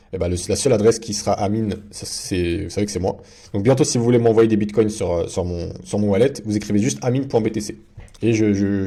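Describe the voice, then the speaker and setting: A man's voice: lowish voice, dark tone. A man giving a casual screen-share tutorial as a video host, talking in a chatty way with many fillers and restarts.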